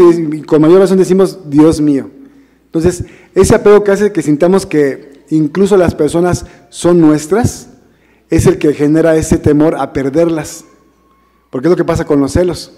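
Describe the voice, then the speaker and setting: Male minister, high mellow voice, chatty sermon delivery full of rhetorical questions to the flock. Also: in a large hall. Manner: conversational, addresses congregation as brothers, asks rhetorical questions. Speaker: minister preaching. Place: church hall.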